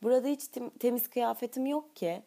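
Audiobook: woman reading a bashful, uncertain young heroine, a touch higher and pleading. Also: a little fast, vocal fry, dark tone.

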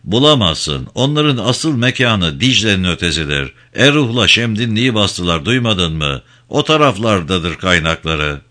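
Man reading blunt cynical ferryman in his forties, gruff, lively delivery, bright tone, storybook. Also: lowish voice, a little slow, hardly any pauses, exaggerated voice. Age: 40s. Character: gruff forty-year-old river ferryman, cynical and blunt.

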